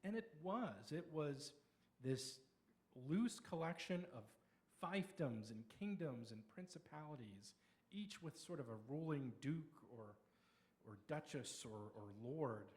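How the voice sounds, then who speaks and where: A man's voice: fairly high pitch, animated, darkish tone. Man giving a conversational history lecture. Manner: explanatory, conversational, with pauses and restarts. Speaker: local history speaker. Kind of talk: lecture with slides.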